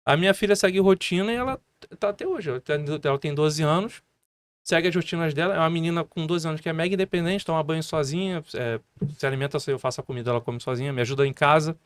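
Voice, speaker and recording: A man in his thirties with a Brazilian Portuguese accent, a martial arts instructor talking as a podcast guest and telling animated stories full of fillers. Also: fairly high pitch, fast talker, clear, resonant tone, dry recording. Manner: animated storytelling with many fillers. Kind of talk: casual podcast conversation.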